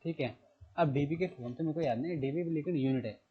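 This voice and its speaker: Speaking fast in a fairly high, slightly rough voice, a man delivers a general knowledge lesson that was recorded in class with dull audio. He raises questions only to answer them, repeats key terms, and spells out words letter by letter.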